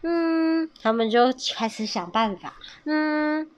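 A woman reading a picture book aloud to a child, lively and animated, adding sound effects. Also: on the high side, normal speed. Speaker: storyteller.

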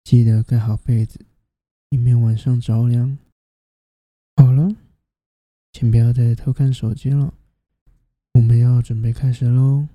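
A host narrating a guided sleep meditation like a sleep story narrator, in a soft, soothing, half-whispered delivery. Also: medium pitch, little pitch movement, measured pace, long pauses, no room sound, highs cut off.

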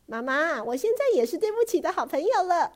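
A woman voicing a stubborn, sulky little girl who protests loudly in a high voice. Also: sing-song, brisk. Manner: loud, protesting, high-pitched.

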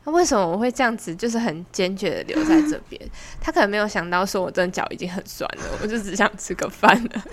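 A young woman with a Taiwanese Mandarin accent tells a personal story on her podcast. Her talk is casual, chatty and animated, often breaking into giggles. Her voice sits at a middle pitch for a woman. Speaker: podcast host.

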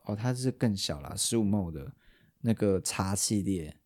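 A man's voice: on the low side, lively intonation, normal speed, a little mellow. A man with a Taiwanese Mandarin accent, a podcast host in casual chat who explains at length and often restarts his sentences.

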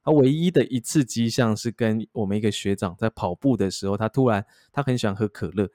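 A young man with a Taiwanese Mandarin accent tells a story in a casual podcast chat. His voice sits low and the sound is dry and close. He slips into the voices of the people he quotes. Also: fairly quick, darkish tone, no echo. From Taichung, Taiwan. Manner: acts out quoted dialogue while telling a story. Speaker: podcast co-host.

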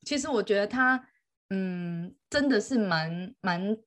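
A woman's voice: mid-range voice, expressive, slow, a bit bright. A woman, a mother telling a story in casual chat, laughing often.

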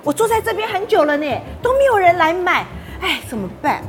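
A woman's voice: very high voice, very animated, fairly quick, soft background music, voice pushed up. A woman voicing a shy young boy, talking in a timid, whiny way. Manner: timid, whiny, later bold hawking.

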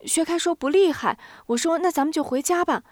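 A woman's voice: extremely high pitch, no echo, studio quality, voice pushed up. A woman voicing a flustered young girl who breathlessly recounts what happened. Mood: anxious. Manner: breathless, rushed retelling.

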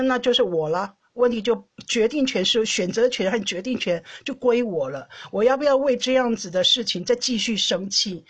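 A Taiwanese woman with a Taiwanese Mandarin accent, hosting a podcast and telling a personal story in an animated, chatty way, often laughing and tagging phrases with a soft "ha". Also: fairly high pitch, husky. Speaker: podcast host. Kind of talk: casual storytelling monologue.

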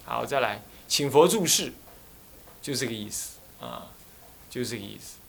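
A man's voice: medium pitch, animated, normal speed, creaky, slight background noise. A man with a Taiwanese accent, an abbot giving a joking dharma lecture who often mimics people and slips into Taiwanese dialect. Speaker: Buddhist abbot.

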